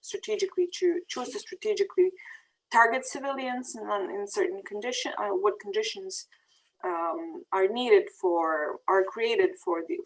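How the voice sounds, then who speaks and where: A woman's voice: medium pitch, lively intonation, normal speed, low-quality recording. A woman in her thirties from Bosnia and Herzegovina, giving a presentation over slides with many ums and restarts. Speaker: peace fellow giving a presentation. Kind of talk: prepared talk over slides.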